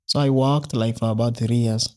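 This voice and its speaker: A man's voice: mid-range voice, steady tone, moderate pace, mellow. A young man from South Sudan, a podcast guest talking casually with many fillers and restarts. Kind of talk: casual interview.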